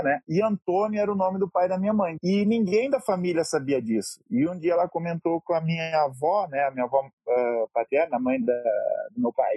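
A man's voice: fairly high pitch, mellow, slightly rough, no room sound. A Brazilian man in his thirties, a goalkeeper, telling stories in a chatty, laughing way as an interview guest. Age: 30s. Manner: chatty, laughs often, many fillers. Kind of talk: casual interview storytelling.

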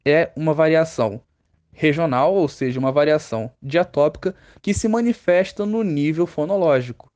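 On a podcast with lo-fi sound, a Brazilian Portuguese-accented man from Rio de Janeiro teaches a lesson in a fairly high, slightly mellow voice at a moderate pace. He's a teacher who poses questions out loud and answers them on his own.

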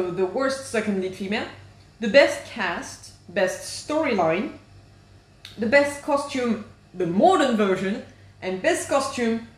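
Chatty woman, echoey kitchen. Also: medium pitch. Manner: chatty, restarts often, laughs while talking. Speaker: podcast co-host. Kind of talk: casual chat. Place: home kitchen.

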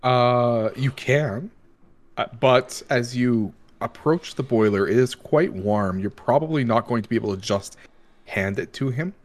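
Slow-paced man running a tabletop game. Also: medium pitch. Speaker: game master. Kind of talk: casual tabletop game narration.

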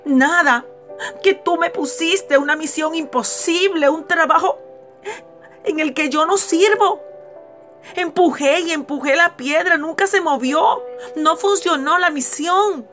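A woman's voice: very high-pitched, a little slow, a bit bright, soft background music, pitched above the performer's own voice. Woman doing a weeping worn-out man. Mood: weeping lament. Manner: pleading, lamenting. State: crying. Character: weary laboring man, weeping and complaining.

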